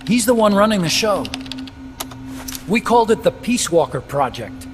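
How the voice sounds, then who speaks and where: An eager, talkative man of science in a video game cutscene, with a fairly high-pitched voice. He lectures emphatically about his machines. His words ring through a long reverberant space over prominent music. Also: very animated, moderate pace. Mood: matter-of-fact explaining. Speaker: weapons engineer character. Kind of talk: dramatic game cutscene dialogue. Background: prominent background music.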